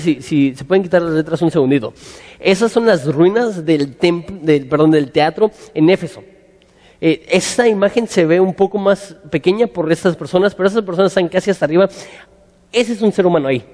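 A man preaching a sermon as pastor, animated and acting out scenes with quoted voices. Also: on the high side. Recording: long hall reverb.

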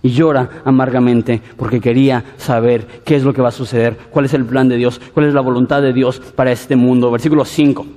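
A man preaching a Bible-teaching sermon in an expressive way, often stumbling and restarting words. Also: mid-range voice, fairly quick, hardly any pauses, long reverb tail. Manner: expressive, with frequent stutters and restarts.

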